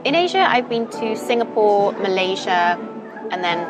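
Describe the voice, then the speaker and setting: Animated and at normal speed, a young woman from Britain speaks in a medium pitch as a casual interview guest, thoughtful and heavy on "um" and "you know." The poor-quality audio carries music underneath and a crowd in the background.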